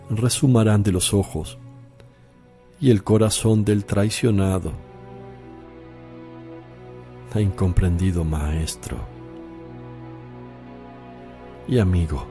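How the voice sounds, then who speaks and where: An actor playing Jesus in a devotional radio drama, speaking as a gentle, solemn, sorrowful teacher. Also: male voice, lowish voice, faint music behind. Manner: sweet, sad, solemn, deliberate.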